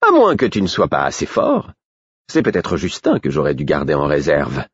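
A man's voice: extremely low pitch, wildly swooping pitch, normal speed, husky, lo-fi sound, exaggerated voice. Man playing an irate, imperious royal. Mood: commanding. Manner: angry, commanding, exasperated. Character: irritable, imperious young male royal.

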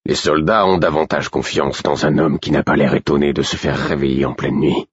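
A man voicing a gruff, stern older stablemaster who gives curt orders. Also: extremely low pitch, fairly even intonation, a little fast, dry recording, dull audio.

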